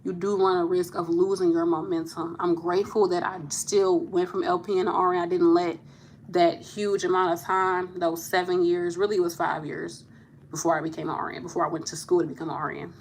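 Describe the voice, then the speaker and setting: A woman's voice: lowish voice, little pitch movement, fairly quick, slight background noise. A woman in her thirties, a nurse hosting a casual live chat with viewers, talking candidly and laughing easily. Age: 30s. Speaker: nurse and channel host.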